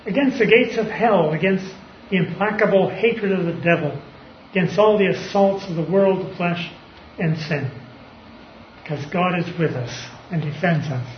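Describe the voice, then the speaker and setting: Male preacher, high voice, informal Bible talk with fillers and throat clearing; roomy, slightly muffled recording. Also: moderate pace, a little hiss or hum.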